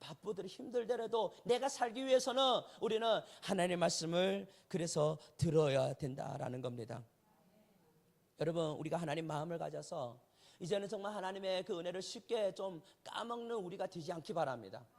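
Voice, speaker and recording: A man's voice: sits high, a little fast, vocal fry, a little mellow. A male pastor delivering a sermon in a conversational way, often asking the congregation rhetorical questions. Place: church sanctuary.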